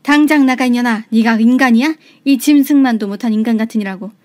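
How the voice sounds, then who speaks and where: A woman voicing a stern older mother-in-law who scolds forcefully. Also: a little high, steady tone, fairly quick, natural voice. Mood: angry.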